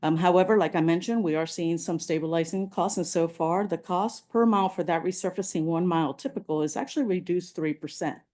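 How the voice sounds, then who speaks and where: A woman's voice: fairly low pitch, fairly quick, hardly any pauses, warm tone. A woman presenting slides at a public planning meeting, walking through figures with frequent fillers like "um". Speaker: transportation agency presenter.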